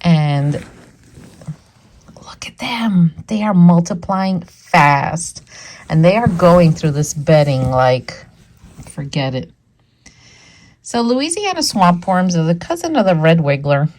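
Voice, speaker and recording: A woman's voice: on the low side, sing-song, slow, darkish tone, slight background noise. A woman hosting her worm farming channel, chatting with enthusiasm and the hiccups, outdoors at her worm bins. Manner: chatty and enthusiastic, with fillers and repeats. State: has the hiccups. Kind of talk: casual vlog chat.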